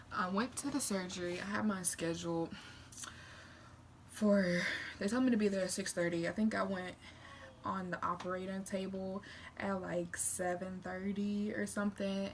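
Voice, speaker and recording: A young woman vlogging in a casual, candid, rambling chat to camera. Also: lowish voice. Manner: candid, rambling, animated retelling with acted-out quotes. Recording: noticeable background noise.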